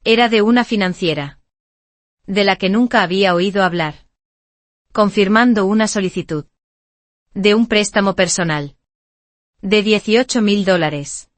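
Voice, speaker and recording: A woman reading a first-person story as scripted narration, in a slow, even, measured way. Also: medium pitch, no echo.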